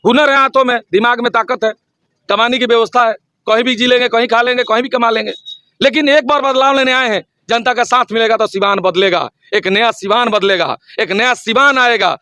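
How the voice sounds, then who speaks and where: A man speaks in a notably high voice during a heated campaign interview. He is forceful and rhetorical, circling back to the same slogans with rising insistence. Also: a little fast, dry recording. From Siwan district, Bihar, India. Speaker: local election candidate.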